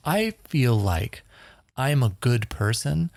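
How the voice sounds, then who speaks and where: A man's voice: mid-range voice, very animated, vocal fry, darkish tone, dry recording. Blunt, emphatic man in dry sound. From Northern California. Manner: blunt and emphatic, swears, quick bursts. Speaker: podcast co-host. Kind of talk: casual chat.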